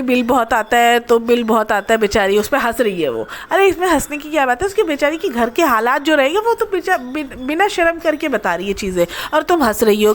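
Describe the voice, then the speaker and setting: A woman vlogger giving gossipy reaction commentary in a sarcastic, teasing manner. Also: sits high. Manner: sarcastic, teasing, mocks others.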